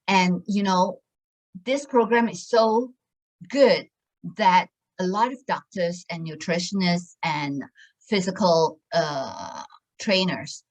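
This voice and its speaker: This is a low-quality recording of a woman in her sixties with a fairly low voice giving a relaxed sales pitch for a wellness program. She hesitates a lot, restarting sentences and filling gaps with filler words.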